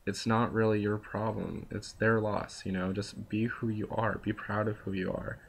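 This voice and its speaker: A young man speaks straight to his viewers in an unscripted confessional vlog. His voice sits a little low and has a gravelly, fry-laden edge. He rambles through his thoughts with constant fillers, earnest and at times bluntly profane. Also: fairly even intonation, moderate pace. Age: young adult. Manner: rambling, full of "like" and "you know". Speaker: vlogger. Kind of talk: casual confessional monologue.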